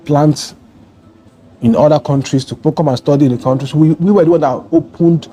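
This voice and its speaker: A Nigerian man, appearing as a guest in a casual interview, recounts his travel story in an earnest, meandering way, restarting often. His mellow voice is on the high side, with fairly even intonation and a moderate pace.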